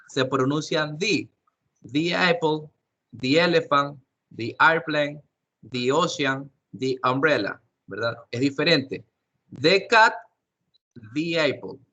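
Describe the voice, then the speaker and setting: A man's voice: a little high, sharp tone. A man teaching an English class online, explaining step by step, often repeating himself and checking with questions.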